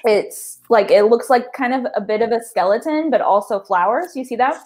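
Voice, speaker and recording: A woman with a somewhat high voice speaks over a video call. She sounds sincere, with a giggly edge that comes through often. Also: normal speed, darkish tone. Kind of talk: casual faith chat.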